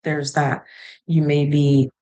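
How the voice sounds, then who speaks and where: A woman's voice: deep voice, flat delivery, slow, mellow, rough recording. A young woman talking to camera in a casual, rambling way, giving advice like she is chatting with a friend. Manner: chatty, rambling, shifts into playful voices. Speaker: vlogger.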